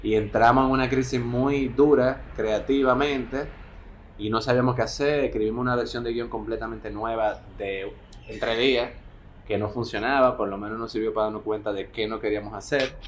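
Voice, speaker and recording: A Dominican film director talks reflectively and colloquially in a conversational interview at home, his Caribbean Spanish accent clear. His medium-pitched voice stays steady at a moderate pace. Motorbikes pass on the street beside the house, and the street noise is plainly audible.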